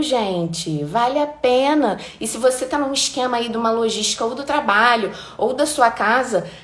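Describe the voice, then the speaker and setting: A woman from Brazil talks through a live stream of life advice in a slightly high voice. She is animated and slips into quick mimicked voices of other people. The sound carries a roomy echo. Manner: animated, acts out little quoted voices. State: sweaty and warm after dancing. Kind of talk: casual motivational talk.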